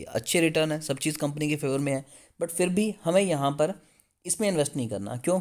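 A man's voice: a little high, a little mellow. Pushy man reading stock figures. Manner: pushy, urges viewers to buy; reads figures off a chart. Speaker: stock market video host. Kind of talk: casual stock analysis explainer.

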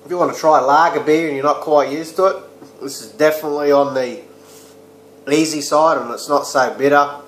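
A man's voice: a little high, steady tone, fairly quick, fairly bright tone, slight background noise. A man in his thirties with an Australian accent, rambling his way through a casual beer review with crude slang, recorded indoors on a webcam. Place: small room indoors. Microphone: webcam or laptop mic close up. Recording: echoey room.

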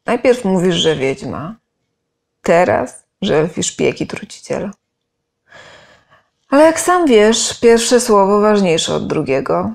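A woman's voice: mid-range voice, sing-song, slow pace, creaky, long pauses, a little mellow, exaggerated voice. A woman voicing a curt, stern monster hunter. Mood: dismissive. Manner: curt and commanding.

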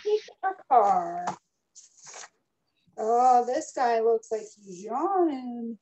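A woman's voice: a little high, very animated, drawn-out words, warm tone, lo-fi sound, a little hiss or hum. A woman hosting a children's story time, chatting casually and praising the young reader as she echoes words back playfully. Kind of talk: casual chat during a children's read-aloud.

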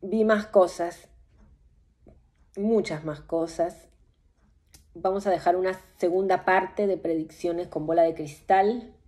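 A woman hosting a psychic video, narrating crystal-ball visions in a slow, hushed, dramatic way with repeated exclamations. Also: lowish voice, fairly even intonation.

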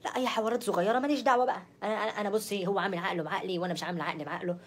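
Young woman, Egyptian accent, comic phone sketch, exasperated, repetitive, husky, very quick. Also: mid-range voice, steady tone. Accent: Egyptian Arabic. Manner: exasperated, repeats herself. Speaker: comic performer.

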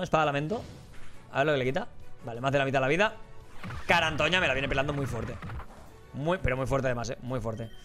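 Man, let's play host, rapid rambling commentary, jokey and swearing, faint game music behind. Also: on the high side, fairly bright tone. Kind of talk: casual gameplay commentary.

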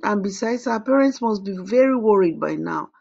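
A storyteller voicing an earnest elder boy who protects his brother, speaking urgently in a raised voice, husky and creaky. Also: mid-range voice, lively intonation, normal speed, a little mellow, muffled recording, voice pushed up.

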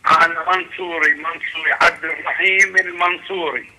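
A man's voice: a little high, steady tone, a little fast, bright, forceful tone. A man from Iran calls in to a talk show over an unclear phone line. He is emphatic and often repeats his words. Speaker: phone-in caller.

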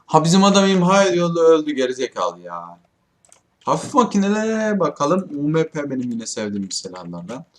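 A young man casually commenting on his own shooter gameplay, swearing often and yelling at his teammates in frustration. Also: on the high side, sing-song, brisk. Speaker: gaming YouTuber.

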